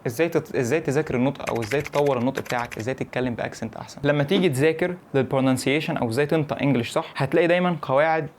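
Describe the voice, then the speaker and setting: A man's voice: medium pitch, a little hiss or hum. A young man with an Egyptian Arabic accent giving casual advice to camera, repeating his points and checking that the viewer follows. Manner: rapid, animated, repeats points and checks in with "فاهم؟". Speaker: English-learning YouTuber.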